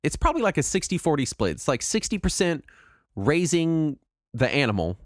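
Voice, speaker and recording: Guy hosting a games podcast, kinda raspy and sick with a cold, voice swings around a lot, dry close sound. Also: a little high, brisk, no echo. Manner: animated, self-deprecating, swears casually. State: sick with a mild throat cold and cough. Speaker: podcast host. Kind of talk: casual, jokey podcast chat about video games.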